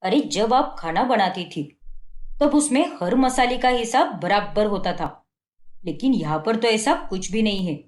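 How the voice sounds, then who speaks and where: A woman's voice: mid-range voice, expressive, measured pace, lightly acted. Scornful young husband, voiced by a woman. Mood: scolding. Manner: scolding, belittling. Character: fault-finding young husband, harsh and scornful. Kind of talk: cartoon story voice acting. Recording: echoey room.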